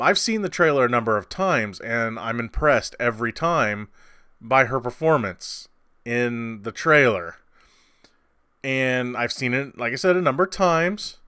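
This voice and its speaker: A man's voice: medium pitch, sharp tone, clean tone, no room sound, clean studio sound. A man hosting a casual movie review, rambling and conversational with many fillers and restarts, and sarcastic at times.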